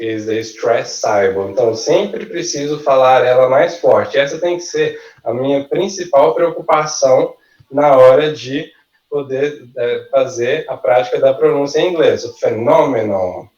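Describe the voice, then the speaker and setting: A man teaching an online workshop, saying words slowly and clearly for students to repeat. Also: medium pitch, darkish tone, roomy sound, far from the mic, highs cut off. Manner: slow, careful model pronunciations for students to repeat. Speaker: language teacher. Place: video call.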